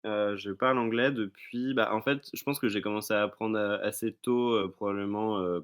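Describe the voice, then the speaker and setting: Speaking as a podcast guest recording remotely from his own location, a man chats casually and shares personal anecdotes, often restarting and searching for words. His voice is fairly low, steady, smooth and fairly bright, at a normal speed.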